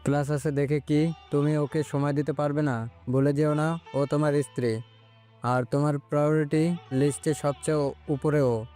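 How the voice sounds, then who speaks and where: A woman voicing a stern, angry older man who heads the family, speaking in a gruff, scolding way. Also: sits low, steady tone, normal speed, long pauses, warm tone, soft background music, voice pushed down, close to an everyday voice.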